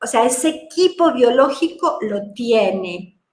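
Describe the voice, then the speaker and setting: A woman gives a virtual conference lecture on teaching language to deaf children, heard over a video call with a roomy echo. Her high, slightly mellow voice is animated yet unhurried, and she explains things slowly and deliberately, posing rhetorical questions.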